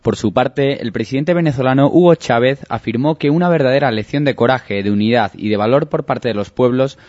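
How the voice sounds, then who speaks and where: Brisk male news anchor. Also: medium pitch, no room sound. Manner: brisk, steady newsreader delivery. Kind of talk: scripted news reading. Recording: dry, slightly muffled broadcast audio.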